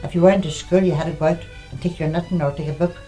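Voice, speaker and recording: An older woman with a Northern Irish accent looks back in casual, plain-spoken storytelling. The voice is low and dark, without any sharp edge. Soft fiddle music plays faintly behind. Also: fairly even intonation, rapid-fire, low-quality recording. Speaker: local resident sharing memories.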